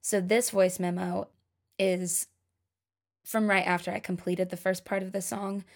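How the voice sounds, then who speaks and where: A woman's voice: lowish voice, little pitch movement, measured pace. A young woman singer-songwriter talking casually about writing her songs, chatty and self-deprecating.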